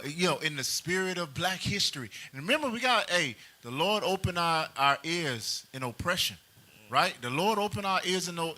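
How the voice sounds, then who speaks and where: A man's voice: fairly high pitch, pushed and bright. A man hosting a casual panel talk, emphatic and joking, with mild cursing. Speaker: show host.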